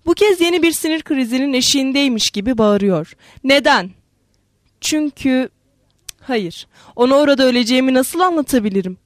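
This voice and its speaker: A woman's voice: high-pitched, animated, fast talker, few pauses, no echo, clean studio sound. Woman narrating a literary audiobook.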